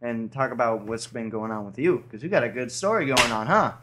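A man's voice: medium pitch, a little fast, noisy background. A young man hosting a casual podcast, teasing his friends and laughing often. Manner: laughs a lot, teasing, pushes the others to talk. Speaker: podcast host. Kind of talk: casual chat.

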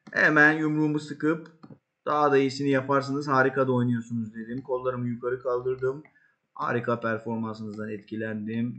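A man hosting a football management game video, commenting excitedly on the match and shouting at his players. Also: mid-range voice. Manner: excitable, yells at players, then calm asides.

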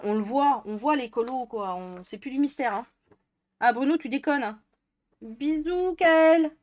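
Her fairly high voice comes through with no echo as this young northern French woman colors on stream. She chats with viewers, exasperated and swearing often.

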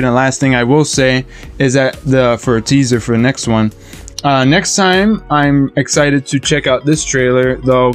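A man's voice: mid-range voice, clean tone. A man hosting a trailer reaction channel, chatting casually to his viewers in a rambling way, full of fillers and tag-on words. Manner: rambling, many fillers and repeated "though". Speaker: YouTube trailer reaction host. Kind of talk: casual chat to camera.

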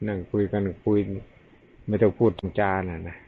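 A man's voice: fairly low pitch, fairly even intonation, normal speed. A man with an Isan Thai accent, a Buddhist monk giving an informal Dhamma talk in a folksy, chatty storytelling manner. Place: rural monastery. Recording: tinny lo-fi recording with faint hiss.

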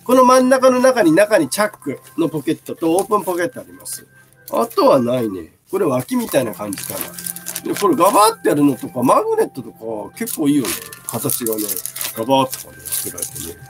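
Man in his fifties, fairly high voice, very lively pitch, casual live-stream seller chatting with viewers. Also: a little fast, faint music behind. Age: 50s. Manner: chatty, answers viewer comments while showing goods.

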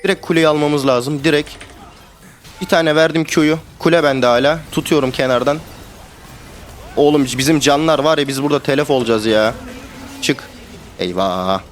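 A young man streaming a video game, talking to his teammates in casual live commentary that swings between calm planning and excited shouting and swearing. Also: fairly high pitch, moderate pace, long pauses, slight background noise. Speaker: gamer streamer.

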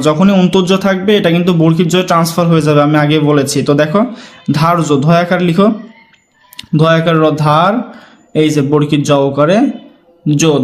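Male teacher, high voice, patient step-by-step lesson delivery, constantly checks students follow. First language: Bengali. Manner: keeps checking in with students, repeating words syllable by syllable. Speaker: Bangla teacher. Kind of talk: spelling and pronunciation lesson.

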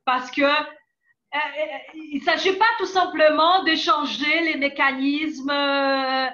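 A woman's voice: high-pitched, fairly even intonation, takes it slowly, bright, forceful tone. A woman professor talking earnestly on a video call panel about teaching. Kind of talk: video call round-table talk. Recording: dull lo-fi video call audio.

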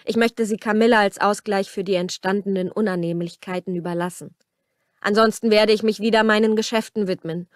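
A woman reading as a cold, brooding young man, voiced with a tense, clipped edge that pushes a little louder than her narration. The sound is dry and close, with no room around it. It is a storybook romance reading. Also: medium pitch, steady tone, brisk, no echo, close to an everyday voice. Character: brooding young male rancher, cold and harsh. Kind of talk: audiobook character reading.

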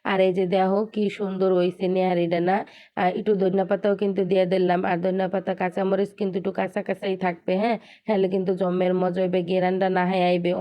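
A woman's voice: on the low side, smooth, highs cut off. A young woman with a Barishal Bengali accent, chatting casually to her viewers while she cooks at home. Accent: Barishal dialect of Bengali. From Barishal, Bangladesh. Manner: chatty, talks straight to her viewers, many fillers. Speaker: cooking vlogger. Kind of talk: casual cooking vlog chat.

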